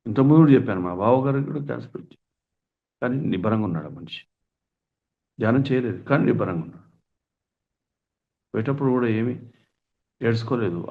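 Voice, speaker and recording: A middle-aged man giving a spiritual discourse, earnest, with lots of rhetorical questions and folksy asides. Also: on the low side. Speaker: spiritual teacher. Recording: tinny phone-like sound.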